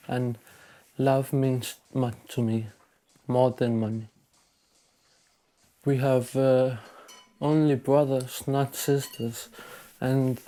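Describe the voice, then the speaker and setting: An eighteen-year-old man from Greenland who is a young dancer, giving hesitant interview answers with many pauses. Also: medium pitch, mellow. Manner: hesitant, halting with many fillers.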